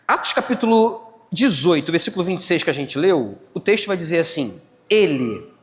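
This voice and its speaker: A pastor with a Brazilian Portuguese accent preaches a church sermon explaining the Bible, teaching step by step, repeating phrases, and checking in with questions for his listeners. His voice is fairly high and sing-song at normal speed. It's a live service in a church hall, recorded with long reverb.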